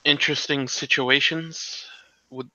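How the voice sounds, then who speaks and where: A man's voice: mid-range voice, fairly even intonation, unhurried, pushed and bright, no room sound. A man joining a casual stream as a guest cartoonist, joking and hesitant. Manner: joking, hesitant, laid-back. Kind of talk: casual chat. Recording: dry, dull lo-fi mic.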